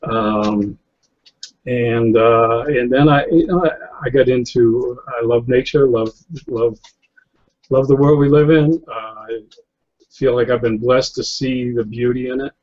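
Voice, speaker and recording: The interviewee is a guest photographer in his fifties from New England, talking casually over a slightly lo-fi webcam video call from an office chair indoors. His mid-range voice is a little mellow, and he rambles, restarting often, using many fillers and chuckling frequently.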